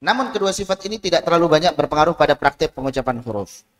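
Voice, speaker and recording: A man with a fairly high voice teaches Quran pronunciation, sounding out letters one by one and prompting his class to repeat. His voice rings with the long reverb of a large hall. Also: lively intonation, rapid-fire, a bit bright. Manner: drills letter sounds aloud, asks students to repeat. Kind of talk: tajwid lesson.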